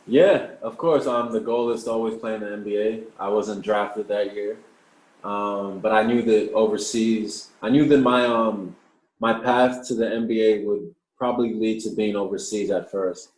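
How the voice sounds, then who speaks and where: A man in his twenties, a pro basketball player raised in Australia, answers interview questions in a relaxed way, often repeating words as he begins a thought. His voice is fairly low and moderately paced. The recording is rough, with an echoey room.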